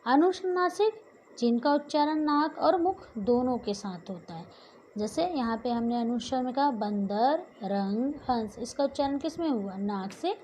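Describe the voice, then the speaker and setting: A woman's voice: high voice, animated, unhurried, warm tone, a little hiss or hum, rough recording. A woman teacher giving a grammar lesson, asking questions and answering them herself and drawing out the example sounds.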